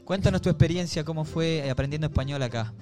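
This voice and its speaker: A man's voice: on the high side, quick pace, darkish tone, soft background music. A man co-hosting a live podcast show in front of an audience, teasing and reading notes from the crowd. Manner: playful, teasing, reads audience notes aloud. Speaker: podcast co-host.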